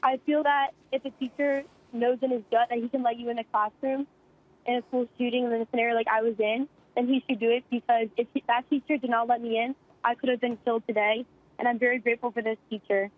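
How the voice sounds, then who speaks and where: A teenage girl, an eyewitness student, recounting events rapidly over the phone, shaken and in shock. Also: a little high, little pitch movement. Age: teens. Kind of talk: phone interview. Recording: tinny phone line.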